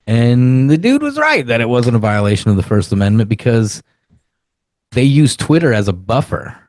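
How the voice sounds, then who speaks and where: A man's voice: mid-range voice, very animated, moderate pace, a little mellow, dry recording. A man in his forties hosting a podcast, rambling and swearing in casual chat, full of filler words. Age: 40s. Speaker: podcast host.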